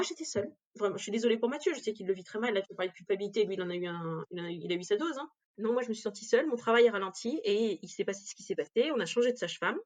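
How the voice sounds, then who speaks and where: A woman giving a candid personal account in an interview, speaking directly and with emotion. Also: on the high side. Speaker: interview guest.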